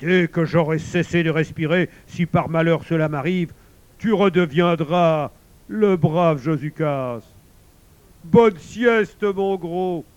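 Storybook villain: a sly, greedy wolf, rough and jeering, loud and raised; a man acts him out. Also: on the high side, slow pace, no room sound, voice pushed up. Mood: calm, sly. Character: sly boastful male werewolf, hungry and mocking. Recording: dull lo-fi recording.

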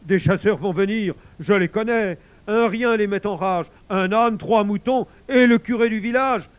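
A man's voice: high-pitched, fairly quick, a little mellow, voice pushed up. A man voicing a timid old innkeeper turned into a bear, with a plaintive, anxious voice, on a dull lo-fi recording. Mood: fretful.

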